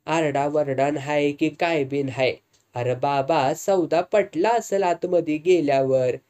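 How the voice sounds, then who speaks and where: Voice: mid-range voice, measured pace, a little mellow, close to an everyday voice. A narrator doing a coarse, gossiping village driver. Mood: gossipy. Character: rustic, gossiping male driver.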